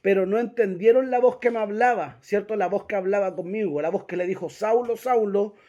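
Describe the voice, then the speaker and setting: A man's voice: sits high, steady tone, a little fast, warm tone, muffled recording. A man teaching a Bible class, reading verses aloud and often checking in with his listeners. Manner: reads scripture aloud and directs listeners to verses.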